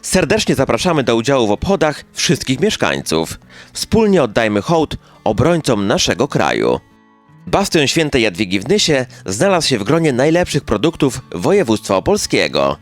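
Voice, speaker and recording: A man's voice: medium pitch, wildly swooping pitch, normal speed. A man reading a scripted local news narration in speech, as a chronicle announcer. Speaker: newsreel narrator. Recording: music bed behind the voice.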